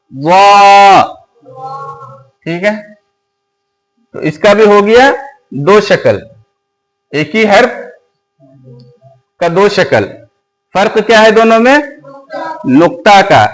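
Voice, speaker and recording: A man teaching Quran letters, asking questions and repeating each letter slowly and patiently. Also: high voice, low-quality recording.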